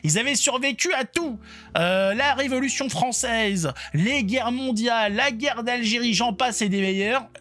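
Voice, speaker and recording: A man's voice: very high voice, a little slow, bright, forceful tone, soft background music. A man giving informal political reaction commentary online, colloquial and sarcastic, with a mocking way of talking.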